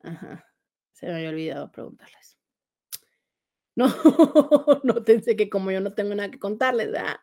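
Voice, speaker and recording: A woman's voice: mid-range voice, fairly quick, long pauses, a little mellow. A Mexican woman, a couples therapist, chatting casually on a live stream, reading out viewer comments in a playful, sarcastic way and laughing often.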